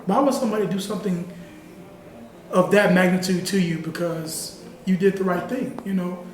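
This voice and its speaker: Guy with a pretty high voice telling his story in an interview, earnest and chatty, sounds far off in an echoey room. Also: fairly even intonation, moderate pace, a little hiss or hum. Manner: earnest, conversational, heavy use of "you know". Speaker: interview guest. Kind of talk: personal storytelling in a sit-down interview. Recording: roomy sound from a distant mic with faint ambience.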